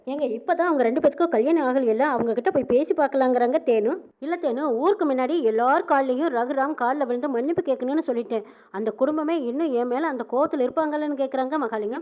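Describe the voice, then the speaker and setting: Woman narrator, high voice, rapid serial recap, thin phone-like audio. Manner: rapid, animated storytelling that slips in and out of quoted dialogue. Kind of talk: fast retelling of a TV serial, voicing characters' lines.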